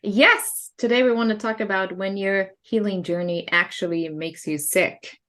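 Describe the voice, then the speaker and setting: A woman's voice: medium pitch, steady tone, normal speed, a bit bright. A woman, a holistic practitioner co-hosting a podcast, explaining in an earnest, meandering way. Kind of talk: casual podcast chat.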